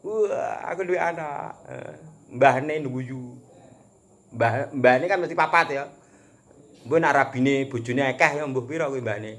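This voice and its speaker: A man with a Javanese accent giving a casual religious talk as a preacher, animated and joking, chuckling often. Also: mid-range voice, measured pace. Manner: animated, chuckles often, mixes teaching with jokes.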